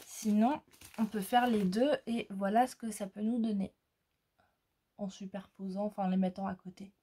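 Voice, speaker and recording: A woman chatting casually as she shows off her crafting haul, pausing often and searching for words. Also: mid-range voice, steady tone, warm tone, husky. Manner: slow, hesitant, many fillers. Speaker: crafting vlogger. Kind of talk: casual haul show-and-tell.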